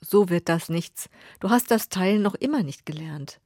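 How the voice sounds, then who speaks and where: A woman voicing a small, gentle angel who speaks softly and patiently. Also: on the low side, animated, normal speed, dry recording, studio quality. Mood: gently firm. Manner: soft, patient, sometimes whispered.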